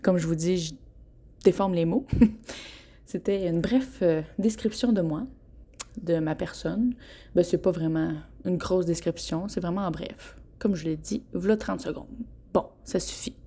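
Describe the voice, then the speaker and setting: Chatty young Québécoise woman with a mellow voice. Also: lowish voice, a little slow, husky. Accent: Québécois French. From Quebec. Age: 20s. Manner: chatty and frank, laughs often between phrases, stumbles over words. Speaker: podcast host. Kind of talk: casual solo podcast monologue.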